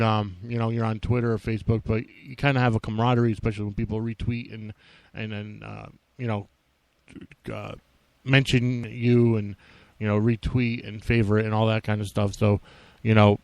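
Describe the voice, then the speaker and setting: A man hosting a podcast alone, talking off the cuff in a halting, rambling way. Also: fairly low pitch, darkish tone, dry recording. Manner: halting and rambling, frequently restarting thoughts. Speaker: wrestling podcast host. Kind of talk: unscripted solo podcast talk.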